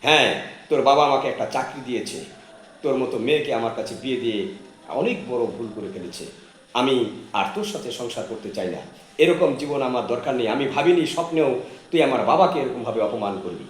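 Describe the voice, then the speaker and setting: A man's voice: medium pitch, lively intonation, brisk, close to an everyday voice. Man playing a stern, angry village-born son. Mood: bitter. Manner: stern, clipped threats, close to the narrator's own voice. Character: poor village-born son, angry, firm, protective of father. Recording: roomy echo, faint background noise.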